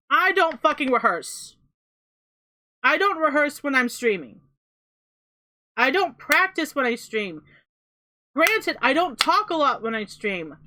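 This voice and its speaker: A young woman talks through a reaction commentary in a high, bright voice. She is emphatic and hammers her points home by repeating them, dropping the odd swear. She sounds like a creator addressing her viewers.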